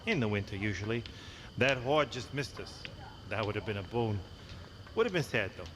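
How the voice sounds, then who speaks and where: Dry morbid coffin maker uncle for a game, deadpan, lots of noise behind him. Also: male voice, fairly low pitch, moderate pace, in a large hall. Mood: dry, plain. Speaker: game character actor.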